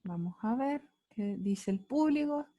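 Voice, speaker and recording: Woman teacher on a video call, slow and teasing, fairly high voice. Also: animated, mellow, dry recording, studio quality. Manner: playful, teasing students, asks many questions. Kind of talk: online class lesson. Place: home, online class. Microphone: computer mic on a video call.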